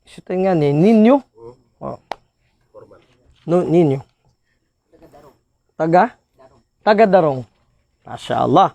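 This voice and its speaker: A man's voice: high voice, darkish tone, dry recording. A male preacher giving an Islamic lecture who mixes in Bisaya and Arabic phrases and teases audience members by name.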